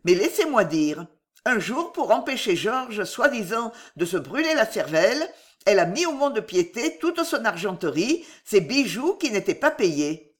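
Une femme qui joue une jeune femme de chambre rusée, volubile et enjôleuse, qui plaide avec aplomb. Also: female voice, medium pitch, big pitch swings, moderate pace, lightly acted. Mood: enjôleur. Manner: voluble, wheedling, theatrical. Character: young cunning female chambermaid, glib and persuasive.

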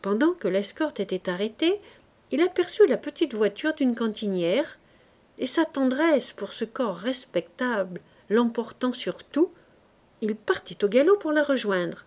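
A woman narrating a classic novel as an audiobook in a measured, even storytelling manner. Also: a little high.

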